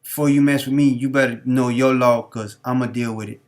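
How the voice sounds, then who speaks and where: A man's voice: medium pitch, steady tone, brisk, darkish tone. Guy on a live stream going off, preachy and repetitive, street talk, keeps hammering the point. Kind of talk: unscripted monologue.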